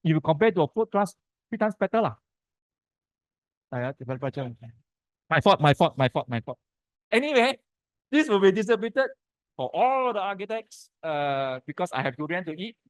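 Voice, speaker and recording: A man with a Malaysian accent lectures in an informal, colloquial way. His voice sits a little high and is recorded fairly dry. He talks in short, punchy phrases capped with particles. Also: big pitch swings, moderate pace, pauses often, dry recording. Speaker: lecturer presenting to architects.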